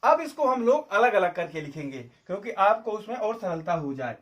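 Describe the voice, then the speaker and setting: A man's voice: sits high, big pitch swings, moderate pace, fairly bright tone, far from the mic. A man teaching a Sanskrit grammar lesson for exam prep, explaining step by step and asking and answering his own questions.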